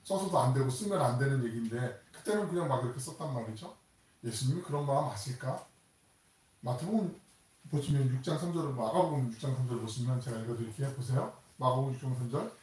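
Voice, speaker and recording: An older man from Korea preaching a Sunday sermon as pastor, animated and dramatic, acting out prayers and voices as he speaks. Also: quick pace. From South Korea. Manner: animated, acts out quoted prayers and taunts with rising pitch and force. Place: church sanctuary. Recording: echoey church hall, voice from a distance.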